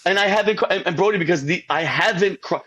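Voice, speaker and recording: Guy with a high raspy voice, rambling emotional testimony, repeats himself a lot. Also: fast talker, pushed and bright, rough recording. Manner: rambling, repeats words, keeps addressing the host by name. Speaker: guest.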